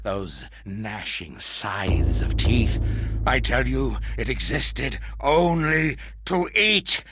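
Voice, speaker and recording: A man playing a half-mad male survivor in a horror monologue, lurching between hushed whispers, manic laughter and shouts. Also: medium pitch, sing-song, slow, background noise. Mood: horrified. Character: half-mad male survivor raving about monstrous parasites.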